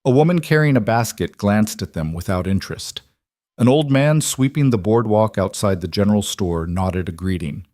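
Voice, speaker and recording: A man narrating a scripted Western story in a steady, measured way. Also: on the low side, no room sound, clean studio sound.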